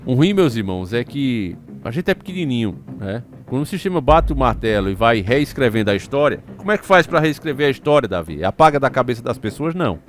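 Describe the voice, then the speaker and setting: A man's voice: mid-range voice, sing-song, brisk, hardly any pauses. A man hosting a channel, giving opinionated commentary on news stories, reading excerpts aloud and answering them with rhetorical questions. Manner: addresses listeners as "meus irmãos".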